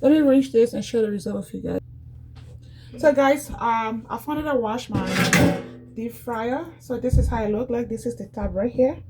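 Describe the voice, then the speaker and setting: Background music and a noisy background accompany a Liberian YouTuber's casual how-to cleaning vlog. Her voice is on the high side at normal speed, and she's chatty and repetitive, often calling viewers "guys."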